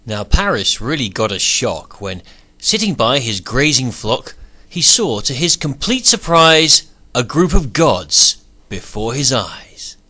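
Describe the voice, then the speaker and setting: A man narrating a rhyming storybook retelling in a measured, expressive way. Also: mid-range voice. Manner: measured, expressive verse reading.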